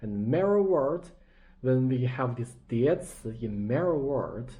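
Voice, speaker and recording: A man's voice: medium pitch, animated, slow pace, dark tone. A man with a Chinese accent teaching a language lesson in English, patiently repeating example words. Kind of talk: slow explanatory lesson.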